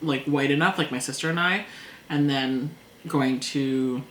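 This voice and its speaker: A woman chatting casually over a meal, talkative and quick to laugh, acting out things people said. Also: extremely low pitch. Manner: chatty, laughs often, acts out past quotes. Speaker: co-host. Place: indoors at a table. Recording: echoey room, faint noise.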